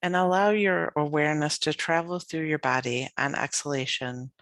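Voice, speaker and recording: A yoga nidra teacher, female, guides the meditation in a voice that sits low, her phrasing gentle, soothing and unhurried, broken by long pauses. It's a dry recording.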